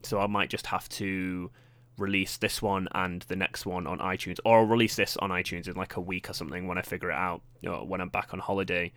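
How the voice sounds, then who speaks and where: A young British man with a posh accent chats alone into a close microphone, hosting his own podcast. His voice sits fairly low, and he rambles along with many fillers and self-deprecating asides. The sound is dry, with almost no room around it. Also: little pitch movement, a little fast, fairly bright tone, no room sound. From Britain. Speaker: podcast host. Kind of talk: casual solo podcast chat.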